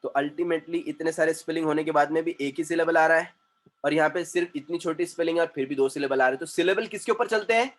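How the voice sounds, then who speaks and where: A communication trainer running an online class speaks in a fairly high male voice. He stretches out syllables slowly and quizzes his students as he goes.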